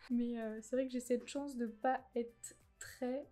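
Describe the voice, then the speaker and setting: A woman's voice: a little high, steady tone, slow pace, darkish tone, faint music behind. A woman giving a casual makeup review, chatty and candid, with lots of fillers and frank opinions on price and quality. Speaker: beauty vlogger.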